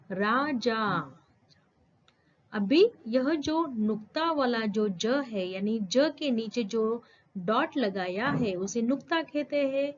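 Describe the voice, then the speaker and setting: A woman's voice: on the high side, highs cut off. A woman teaching a school lesson to children, patient, repeating words and asking questions back. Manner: slow, patient, repeats and quizzes the listener.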